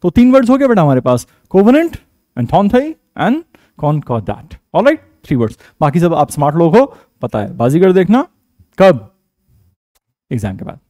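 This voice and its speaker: A man's voice: on the high side, very animated, measured pace, mellow, dry recording. A man with an Indian English accent, teaching vocabulary in a casual online lesson, chatty and joking, calling his students 'beta'.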